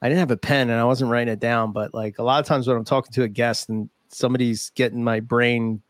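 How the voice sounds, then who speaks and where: A man's voice: medium pitch, steady tone, quick pace, no room sound, clean studio sound. A man hosting a podcast in casual chat, rambling with lots of fillers and laughs. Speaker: podcast host.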